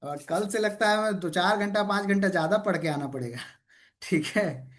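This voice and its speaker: Energetic male trainer on a video call. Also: high voice, a little fast. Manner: energetic call-and-response, keeps checking in with "okay?"; playful teasing of participants. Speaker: sales trainer. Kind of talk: interactive online training session.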